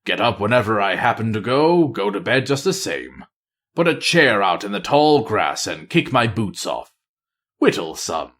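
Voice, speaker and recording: A weary veteran spy master, as a man reads him aloud, speaking in a low, quiet murmur with a dry, wry edge. His voice swings up and down through its range even as it stays hushed. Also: moderate pace. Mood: wistful. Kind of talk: audiobook-style character reading.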